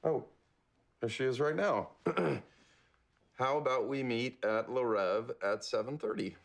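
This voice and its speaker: An actor playing a cheerful, oblivious husband in a sitcom scene. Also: male voice, mid-range voice, unhurried, creaky. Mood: upbeat. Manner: upbeat, oblivious. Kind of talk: sitcom acting.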